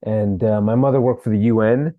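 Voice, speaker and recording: A man from Sri Lanka, an actor, telling his story as a podcast guest in a relaxed way, with fillers. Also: on the low side, quick pace, no room sound, narrow, tinny audio. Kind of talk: interview.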